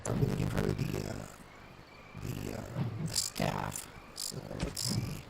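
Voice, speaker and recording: A man's voice: lowish voice, sing-song, slow, vocal fry. A man streaming a game, chatting casually and thinking aloud with fillers, his voice coming through with a glitchy robotic metallic distortion. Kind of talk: casual live gameplay commentary. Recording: noisy, distorted stream audio.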